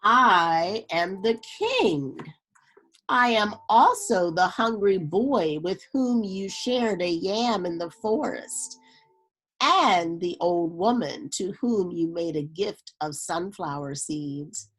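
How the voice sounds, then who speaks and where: Storybook snake king: male, wise, gentle, very measured and solemn, read by a woman. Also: fairly low pitch, lively intonation, slightly rough, exaggerated voice, poor audio. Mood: solemn, tender. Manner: slow, solemn declarations.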